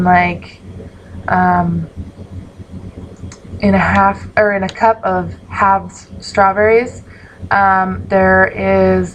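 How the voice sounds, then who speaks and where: A young woman with a mid-range voice vlogs to the camera in a casual, rambling way, full of ums and likes. She sounds sleepy and yawns, and the low-quality recording has a little hiss or hum.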